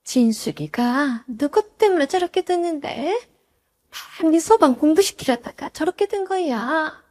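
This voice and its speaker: Lady doing a high shrill nagging old mother-in-law, always scolding. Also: animated, measured pace. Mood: demanding. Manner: nagging, shouting, jabbing reproaches. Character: scolding older mother-in-law, bossy and quick to anger.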